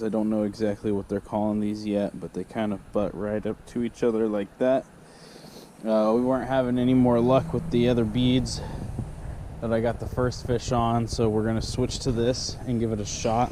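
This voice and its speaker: A man's voice: on the low side, warm tone. A man in his thirties giving casual, chatty commentary to viewers as a fishing vlogger. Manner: informal, chatty, addressing viewers as guys. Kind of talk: casual first-person fishing vlog commentary. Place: outdoors on a wooded riverbank. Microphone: action camera worn or held at arm's length. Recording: clear outdoor ambient noise by a river.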